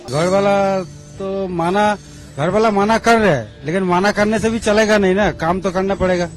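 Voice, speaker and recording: Brief: working man, slightly high voice, matter-of-fact, music loud underneath. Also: moderate pace. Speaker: migrant worker interviewee. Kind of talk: interview answers.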